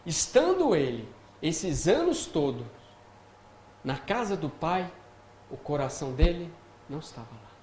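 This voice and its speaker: In an unhurried, slightly mellow manner, a man with a fairly high pitch and big pitch swings offers a spiritist talk on scripture in a Brazilian Portuguese accent. He keeps it casual and often turns to his audience; the spiritist-center hall echoes and carries faint noise.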